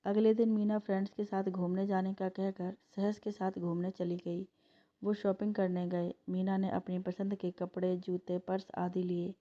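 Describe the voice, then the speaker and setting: A woman narrates a family story in a plain, steady reading. Her pitch barely moves and stays at a middle height. The recording is dull and lo-fi. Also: moderate pace.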